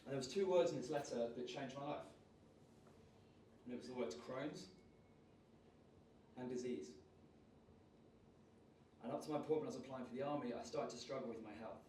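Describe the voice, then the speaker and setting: A man, leading a lively public speaking workshop and raising and dropping his energy on purpose. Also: medium pitch, normal speed, long pauses, slight background noise. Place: large room at a live workshop. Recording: roomy sound, voice from far off.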